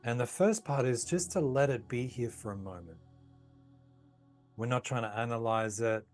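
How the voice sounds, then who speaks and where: A man calmly leading a guided tapping session, giving slow, soothing instructions. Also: mid-range voice, faint music behind. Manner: calm, slow, soothing guidance. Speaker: tapping practitioner.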